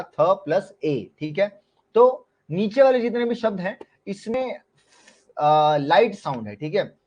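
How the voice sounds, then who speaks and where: A man with an Indian accent teaches a live online class, mixing Hindi with English terms and often stopping to quiz his students. His voice sits fairly high for a man. The sound is somewhat dull and lo-fi. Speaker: shorthand teacher.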